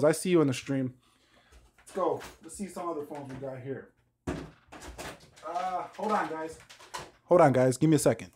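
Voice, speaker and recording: A man's voice: on the high side, a little mellow. Chatty man hosting a tech live stream. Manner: loose, chatty, reacts to viewer comments. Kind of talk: casual live-stream chat.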